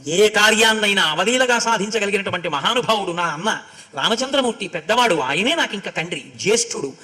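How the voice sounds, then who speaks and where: A man giving a devotional storytelling sermon who chants scriptural verses slowly and then explains them. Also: high voice, animated, sharp tone. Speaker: religious discourse speaker.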